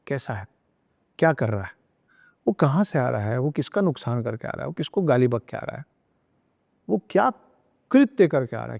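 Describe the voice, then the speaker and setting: Gravelly and darkish, the man's fairly high voice echoes in a large hall. Speaking as a podcast guest about spirituality and parenting, he lectures earnestly, repeats himself for emphasis, and slips into English.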